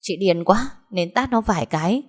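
A woman voicing a hot-tempered peasant woman, an older sister who shouts coarse threats. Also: medium pitch, expressive, normal speed, lightly acted. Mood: enraged.

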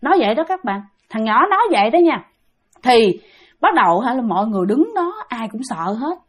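High-voiced Southern Vietnamese woman storyteller. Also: sing-song, brisk, breathy edge. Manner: chatty, keeps addressing listeners directly. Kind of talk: casual ghost-story telling.

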